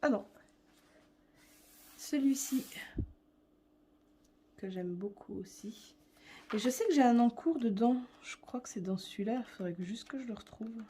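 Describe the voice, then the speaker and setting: Young woman vlogger, warm mellow tone, loose rambling chat, faint background noise. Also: a little high, measured pace, long pauses. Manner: chatty, hesitant, many fillers. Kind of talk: casual chat showing her coloring books.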